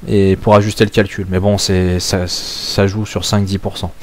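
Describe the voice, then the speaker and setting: A man's voice: deep voice, flat delivery, moderate pace, a little mellow. A man from France explaining a topic in a casual screen-share tutorial, thinking aloud with many filler sounds. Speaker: crypto mining channel host.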